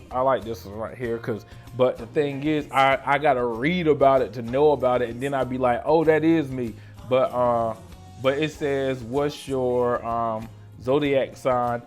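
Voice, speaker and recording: A playful man in his late thirties chats straight into a close camera, slangy and loose. He swings from loud, excited bursts to low, mumbled asides. Faint music plays underneath. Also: unhurried. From North Carolina, USA. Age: 30s. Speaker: esthetician vlogger. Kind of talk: casual question-and-answer vlog. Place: small room lit by colored lights. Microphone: camera in front of him at close range.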